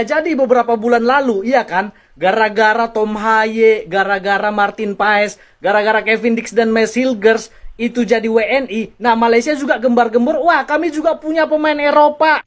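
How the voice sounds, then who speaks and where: A woman giving casual football commentary in a gossipy, mocking way, acting out quotes as she goes. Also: high voice.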